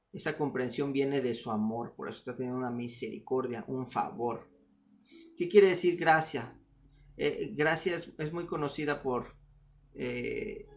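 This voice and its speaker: Slow-speaking man preaching. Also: medium pitch. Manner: slow, thoughtful, reciting verses from memory with fillers. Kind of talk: informal sermon video.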